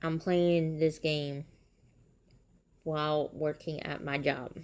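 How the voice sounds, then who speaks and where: A woman's voice: low-pitched, flat delivery, slow, a little mellow, clear, resonant tone. A woman chatting casually as she plays a mobile game on her stream, talking in a chatty way and breaking into surprised exclamations.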